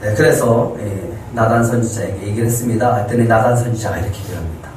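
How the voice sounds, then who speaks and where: A man's voice: lowish voice, fast, darkish tone. Echoey distant male pastor preaching. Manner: storytelling, acting out quoted lines with rising emphasis. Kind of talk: sermon. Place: church sanctuary. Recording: echoey room, heard from a distance, faint noise.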